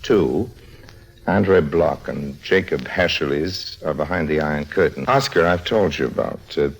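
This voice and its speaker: A very deep, slightly rough male voice, unhurried and heavily acted, plays a wily, wisecracking con man in a 1950s radio drama. The character narrates his own misadventures in a breezy, casual manner with sly asides, sounding cagey as he reports. The recording is rough.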